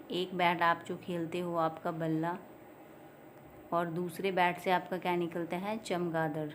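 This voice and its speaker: A woman with an Indian accent teaching an exam-prep lesson, who explains and repeats each point and reads English definitions aloud slowly. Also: on the low side, a little hiss or hum.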